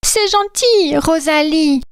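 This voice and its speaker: A woman voicing a soft, anxious female reindeer in a storybook tale, sounding fretful and gentle. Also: high-pitched, slow pace, dry recording, voice pushed up.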